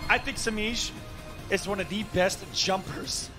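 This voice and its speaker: A man with a high-pitched voice calls a fighting game tournament live. His play-by-play is excitable and emphatic, and music plays clearly behind him. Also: a little slow. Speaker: esports commentator.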